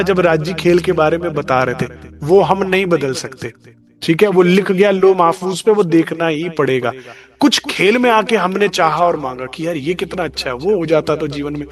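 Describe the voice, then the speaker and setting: A man delivering a spiritual sermon in a slightly high voice, with music playing beneath him throughout. He sings out lines of verse slowly and then explains them in plain talk. He keeps asking his listeners questions and answering them himself. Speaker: spiritual speaker. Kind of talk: devotional discourse. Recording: background music under the voice.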